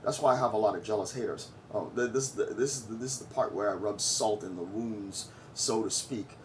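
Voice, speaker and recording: Man, forties, from Trinidad and Tobago, lowish voice, blunt, boastful, lecturing vlog commentary, faint noise behind. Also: a little fast. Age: 40s. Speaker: vlogger. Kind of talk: opinionated commentary.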